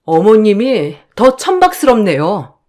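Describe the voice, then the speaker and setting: Woman doing a fed-up young daughter-in-law, sharp and biting, slow. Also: mid-range voice, big pitch swings. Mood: cutting.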